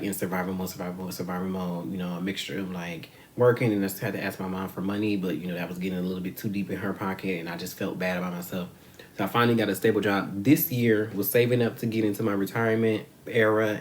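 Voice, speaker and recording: A man's voice: deep voice, a little hiss or hum. A man from the United States talking to his camera, rambling, swearing freely and using slang while he eats and talks. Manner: rambling, profane, slangy and frank. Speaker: vlogger. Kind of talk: casual talk to camera. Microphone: camera mic.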